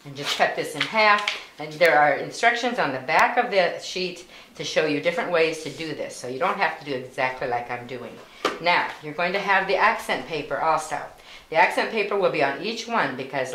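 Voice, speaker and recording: A woman giving patient, step-by-step instructions for a card-making craft, with plain wording and small fillers. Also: deep voice. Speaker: volunteer instructor. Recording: echoey room with faint noise.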